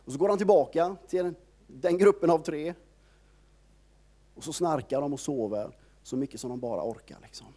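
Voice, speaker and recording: A man's voice: on the high side, long pauses, dark tone, slight background noise. A man preaching an informal sermon, retelling a Bible story in a conversational storytelling way and leaning heavily on filler words.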